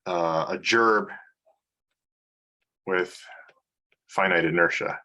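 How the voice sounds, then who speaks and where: Bright-voiced, hesitant male math lecturer. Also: sits low, drawn-out words, highs cut off. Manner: hesitant, many fillers and restarts. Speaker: mathematics lecturer. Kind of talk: informal research seminar talk.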